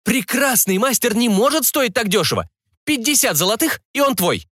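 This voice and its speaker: Brief: shrill, pushy market barker, a skinny fawning man, put on by a male narrator, dry close mic. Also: sing-song, fairly quick, fairly bright tone, no echo, heavily acted. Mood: indignant. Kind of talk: audiobook character voice.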